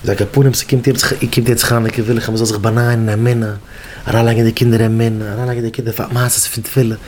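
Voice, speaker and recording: A man teaching educators in a rabbinic lecture, telling stories in halting, repetitive speech. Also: medium pitch, level tone, darkish tone, a little hiss or hum. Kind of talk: Yiddish-flavored Torah lecture.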